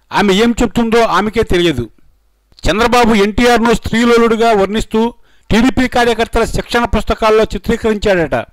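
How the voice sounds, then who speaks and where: Male news narrator, high-pitched, dry close-miked read, dramatic questioning delivery. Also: no echo, rough recording. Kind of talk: scripted voice-over narration.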